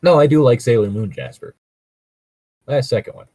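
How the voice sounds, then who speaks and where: Co-hosting a comedic fan fiction read-aloud, this man mixes casual chat with mocking reading, sounding sweary, exasperated, and sarcastic. His mid-range voice is husky and dark with a sing-song lilt at a moderate pace, close to the microphone.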